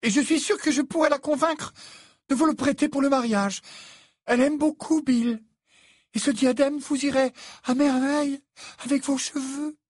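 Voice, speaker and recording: A man voicing a worried, tearful middle-aged mother in a high fluttering voice in an audiobook. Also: normal speed, dry recording, studio quality. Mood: conciliatory.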